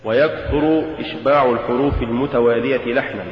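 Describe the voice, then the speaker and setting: A man teaching correct recitation, saying each rule in a slow, deliberate way and chanting the example verses. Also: medium pitch, steady tone. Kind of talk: recorded recitation lesson. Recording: echoey hall, dull lo-fi old recording.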